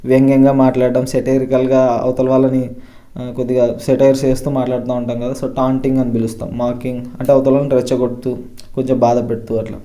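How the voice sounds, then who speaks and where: A man teaches English vocabulary at a steady pace. His voice is mellow and dark at a middle pitch, and he stresses each new word before he explains it. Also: quick pace. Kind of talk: vocabulary lesson explained in Telugu.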